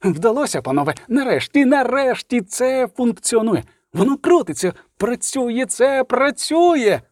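A man voicing an excitable professor who shouts jubilantly about his invention. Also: very high voice, unhurried, no room sound, studio quality, voice pushed up, heavily acted. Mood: ecstatic. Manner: shouting, jubilant, breathless exclamations. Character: excitable old male professor, ecstatic inventor.

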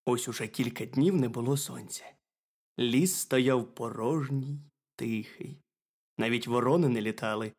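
A man reading a children's story aloud in a gentle, expressive narrating voice. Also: mid-range voice, unhurried.

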